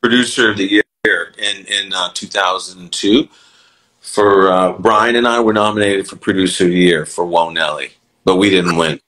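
A man's voice: sits low, fairly even intonation, normal speed, sharp tone, poor audio. Reflective middle-aged man, interview guest. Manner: reflective, many restarts and "you know". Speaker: music producer and songwriter, guest. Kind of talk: casual interview conversation.

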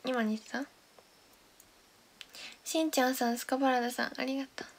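High-voiced young woman chatting on a livestream. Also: steady tone, a little fast, creaky. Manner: chatty, thanks viewers by name, drops to soft whispers. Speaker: idol livestream host. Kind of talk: casual livestream chat reading comments.

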